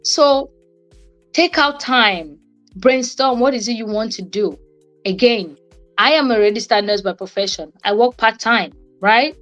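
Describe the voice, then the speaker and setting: Soft background music accompanies this low-quality livestream recording, where a young adult woman from Cameroon, co-hosting and speaking as a guest, gives an informal pep talk. Her fairly high voice is a bit bright and unhurried. She talks conversationally and leans on repeated phrases for emphasis.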